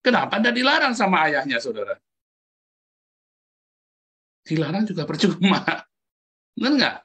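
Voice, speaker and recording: A man preaching a lively sermon, talking straight to his congregation and leaping up in pitch to stress his points. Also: normal speed, slightly rough. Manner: animated, jumps high in pitch for emphasis, keeps calling out "saudara". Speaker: pastor.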